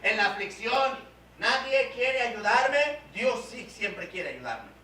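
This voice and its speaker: A male guest pastor with a Mexican Spanish accent delivers a sermon, his high and bright voice surging loud and then sinking low and quiet. He sounds set back from the microphone in a very echoey church hall, with a faint hum underneath. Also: lively intonation, slow pace, recorded from a distance. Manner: preaching with big swings in pitch and loudness, dropping low and soft in prayer.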